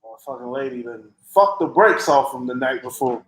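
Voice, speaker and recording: A man's voice: medium pitch, animated, brisk, fairly bright tone, slightly rough, poor audio. A man co-hosting a casual boxing chat, throwing in profane, laughing side comments. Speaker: podcast co-host.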